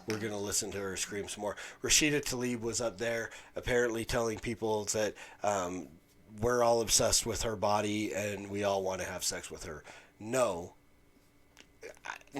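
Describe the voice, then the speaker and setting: A man hosting a podcast, giving a halting, indignant commentary with many restarts. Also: on the low side, fairly bright tone. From Utah, USA. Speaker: podcast host. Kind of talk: casual commentary monologue.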